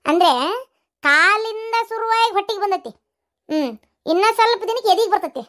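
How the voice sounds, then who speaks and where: Woman doing shrill cartoon village women. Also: fairly quick, a bit bright. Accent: North Karnataka Kannada. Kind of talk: cartoon voice acting.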